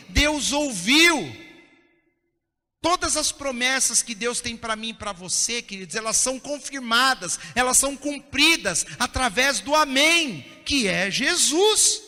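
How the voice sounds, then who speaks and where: High bright preaching man in a hall. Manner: impassioned preaching, often drops to soft intense tones. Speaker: pastor. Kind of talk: sermon. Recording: long reverb of a church hall.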